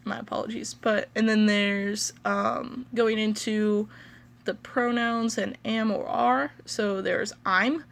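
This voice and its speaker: Gravelly Midwestern American woman teaching slowly. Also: medium pitch, fairly even intonation. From United States. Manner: slow and hesitant, many ums and pauses. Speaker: pronunciation video host. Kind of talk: casual explanatory teaching.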